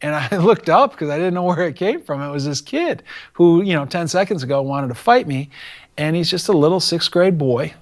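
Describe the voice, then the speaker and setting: A man's voice: on the high side, normal speed. A middle-aged male teacher recounts a classroom story in a conversational interview. He talks casually and slips into the voices of the people in his story as he goes. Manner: animated, acts out quoted dialogue.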